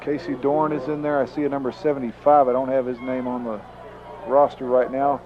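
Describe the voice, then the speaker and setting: A man's voice: mid-range voice, little pitch movement, brisk, a crowd in the background. A man with a Texan accent giving chatty, analytical football color commentary. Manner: chatty, analytical, breaks down the blocks. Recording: dull lo-fi 1990s broadcast tape.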